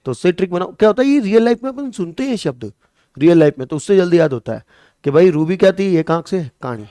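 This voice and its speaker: A man's voice: high voice, fast talker, dry recording. A male coaching-class teacher from Rajasthan with a Marwari-tinged Hindi accent, lecturing with memory tricks and quizzing his students. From Rajasthan, India. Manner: lively, repeats questions to students and answers them.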